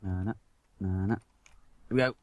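A man playing a video game with friends, making quick callouts and swearing casually. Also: deep voice, no echo. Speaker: gamer. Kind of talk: casual gaming chat.

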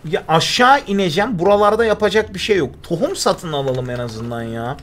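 A man's voice: high-pitched, lively intonation, a little fast, fairly bright tone. A young man giving live commentary over a survival game, chatting with himself and thanking viewers in chat. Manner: chatty, talks to himself and reads chat aloud. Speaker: gaming streamer.

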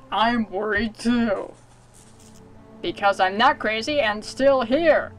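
A woman's voice: on the high side, slow pace, soft background music. A woman voicing a sulky, defiant little girl.

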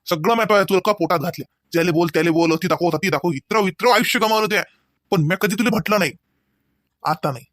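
A furious young husband in an animated cartoon. He scolds in a high, tight voice. The sound is close and dry. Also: fast, no echo. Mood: angry. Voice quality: stern, scolding. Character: angry young husband defending his parents. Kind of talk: cartoon voice acting.

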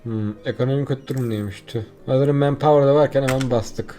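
A man's voice: mid-range voice, fairly even intonation, fairly quick, warm tone, faint music behind. A young man giving casual, swearing commentary while playing a strategy game and talking back to the units on screen. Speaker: gameplay streamer.

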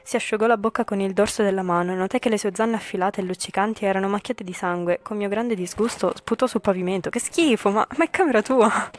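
A fast-talking woman with a medium-pitched, fairly even voice barely pauses as she reads a game aloud with casual commentary. Her visual novel reading is full of slips, self-corrections, and chatty asides with English swearing.

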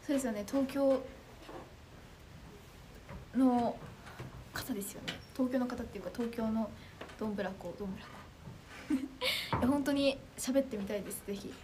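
Teen girl from Chiba, high voice, bubbly stream chatter, light background hiss. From Chiba, Japan. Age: teens. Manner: bubbly, quick, animated and self-deprecating. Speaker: idol trainee streamer. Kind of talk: casual livestream chat reading comments.

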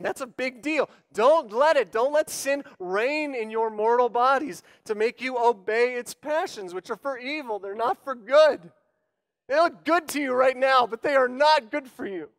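A male pastor preaching a sermon, emphatic, swinging between quiet asides and loud, pleading declarations. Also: high voice. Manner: emphatic, acting out quoted voices. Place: church sanctuary.

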